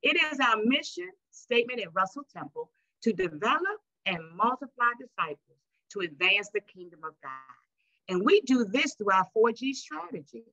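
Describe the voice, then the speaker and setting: A woman pastor with a bright, fairly high voice preaches a sermon with scripture reading in a church sanctuary. She uses call-and-response preaching, stretches words for emphasis, and speaks at a moderate pace with big pitch swings. The lo-fi recording has no room sound.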